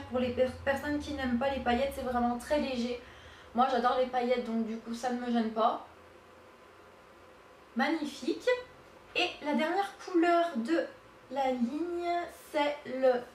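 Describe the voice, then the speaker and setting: A woman talks through makeup swatches in a high voice, hesitating with fillers and gushing over every shade. She sounds set back from the mic in an echoey room. A faint hiss runs under her voice. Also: recorded from a distance. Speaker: beauty vlogger. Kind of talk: casual makeup swatch demo.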